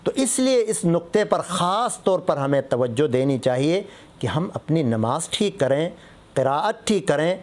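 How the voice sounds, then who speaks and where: High-voiced man teaching recitation. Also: big pitch swings, darkish tone. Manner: explains patiently with contrasting word examples. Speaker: mufti teaching Islamic rulings. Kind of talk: religious lesson on Quran recitation.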